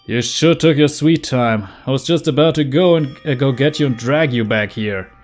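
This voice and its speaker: A man's voice: medium pitch, normal speed, voice pushed up, lightly acted. Sneering, superior young man for a mystery game acted out by a man, cold and pompous, faint music behind.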